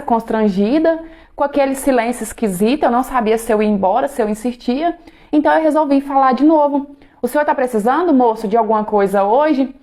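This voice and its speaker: A woman with a somewhat high voice tells her own story aloud. She sounds earnest and confiding, and she often turns to her listeners to address them directly. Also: mellow. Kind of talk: first-person storytelling.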